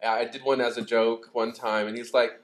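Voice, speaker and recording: A man's voice: mid-range voice, little pitch movement, normal speed. A man chatting casually as a guest on a group podcast. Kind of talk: casual chat. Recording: several people talking around.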